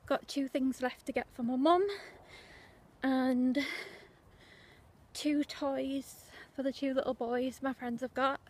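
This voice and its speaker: A woman's voice: high voice, flat delivery, slow pace. Breathless young woman vlogging outdoors. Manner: chatty, rambling with many fillers. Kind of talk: casual walking vlog. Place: outdoors on a windy street. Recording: faint background noise, wind.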